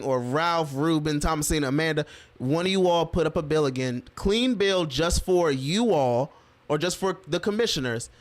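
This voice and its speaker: A man with a slightly higher voice co-hosting a laid-back political podcast. He talks emphatically and gets animated, with frequent laughs between points. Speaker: podcast co-host. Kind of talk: casual political chat.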